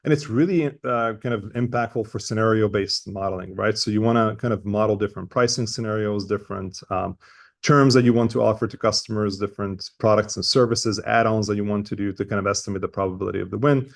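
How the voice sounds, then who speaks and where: A man with an Eastern European accent explains material as a webinar presenter. His voice sits fairly low and is heavily creaky. He talks informally and hesitantly, often tagging points with a checking "right?". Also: steady tone, fast talker.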